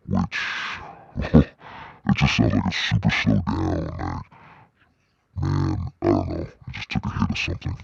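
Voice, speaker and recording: A man through a monstrous deep voice changer. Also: gravelly, a little mellow, husky, no room sound, full character voice. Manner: offhand, chatty commentary. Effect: deep voice-changer filter, monstrous and slowed. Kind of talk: casual product demo.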